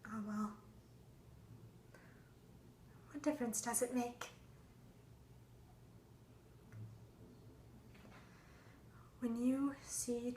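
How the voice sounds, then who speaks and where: A young woman acting a stage monologue as a fragile, haunted young actress worn down by heartbreak, her voice swinging between hushed whispers and raised outbursts. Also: on the high side, a little hiss or hum, close to an everyday voice. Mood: wistful. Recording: echoey room.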